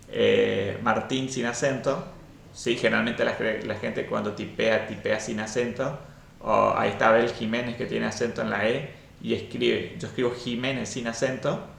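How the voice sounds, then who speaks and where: Gravelly-voiced man teaching a coding class. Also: on the low side, a bit bright, reverberant, a little hiss or hum. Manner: explanatory, keeps checking in with "¿sí?". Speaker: programming teacher. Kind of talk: live online class.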